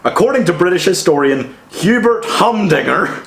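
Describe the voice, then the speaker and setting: A man's voice: high voice, animated, moderate pace, creaky, over a noisy crowd. A young man hosting a comedy podcast in casual banter, rambling and mock-earnest, swearing freely. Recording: echoey room.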